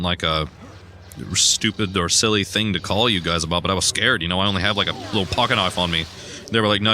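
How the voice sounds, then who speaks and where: A young man casually narrating a video game, rambling through a personal story with sudden loud outbursts. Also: deep voice, slight background noise. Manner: rambling, chatty storytelling with bursts of loud excitement. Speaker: gaming streamer. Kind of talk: casual let's play commentary.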